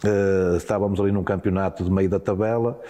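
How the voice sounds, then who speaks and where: A middle-aged man with a European Portuguese accent, once a handball player, tells stories in a relaxed interview. His voice is low, steady, and warm, delivered fairly quickly with a long reverb tail. He is hesitant, stumbling, repeating words, and restarting often.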